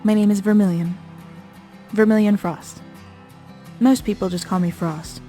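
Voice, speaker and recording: A woman's voice: mid-range voice, steady tone, a little slow, warm tone, soft background music, natural voice. A woman voicing a tough, battle-hardened former military general in a video game, with a dry, direct and joking manner. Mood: matter-of-fact. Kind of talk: video game character dialogue.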